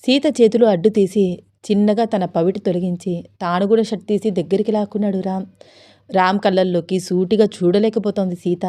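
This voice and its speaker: A woman storyteller narrating a romance story in an even, softly intimate way. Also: medium pitch, fairly quick.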